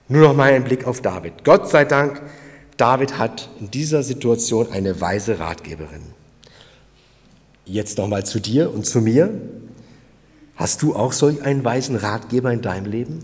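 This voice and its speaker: A man's voice: mid-range voice, darkish tone. Emphatic male preacher in a hall. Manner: emphatic, rising and falling in volume, addresses listeners directly. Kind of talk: sermon.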